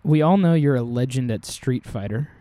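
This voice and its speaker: A man's voice: medium pitch, expressive, moderate pace, mellow, dry recording. A man co-hosting a casual podcast, joking and laughing often as he talks to a desk microphone. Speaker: podcast co-host. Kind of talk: casual chat.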